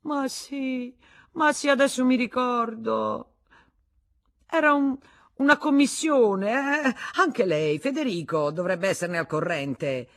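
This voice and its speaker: A man's voice: takes it slowly, breathy edge. A woman reading a blustering, cornered husband. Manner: agitated, evasive, bursts of pitch. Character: blustering husband caught lying, forced cheer. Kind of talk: audiobook character reading.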